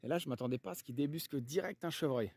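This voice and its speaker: A man with a French accent chatting casually to viewers in a relaxed way while walking his dogs outdoors. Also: on the high side, quick pace, breathy edge. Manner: chatty, relaxed, lots of fillers, shouts to his dog. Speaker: vlogger. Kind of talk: casual vlog chat. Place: outdoors on a country walk, then at his camper.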